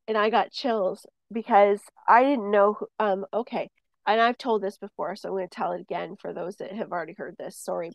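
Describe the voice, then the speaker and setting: Lower-pitched woman, gravelly, rambly medium chat with lots of ums, dry close sound. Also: dry recording. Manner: rambling with many fillers and restarts, lively when telling stories. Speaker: medium, podcast co-host. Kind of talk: casual spiritual chat, relaying messages.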